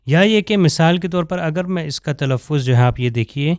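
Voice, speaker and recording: Clear-voiced man teaching Quran pronunciation. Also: fairly high pitch, darkish tone, dry recording, studio quality. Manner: slow drawn-out sample recitations between explanations. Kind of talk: pronunciation lesson over slides.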